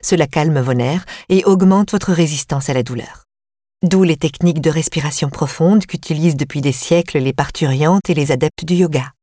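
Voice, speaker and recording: Low-voiced woman reading an audiobook evenly. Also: no echo, studio quality. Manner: even, measured. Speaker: narrator.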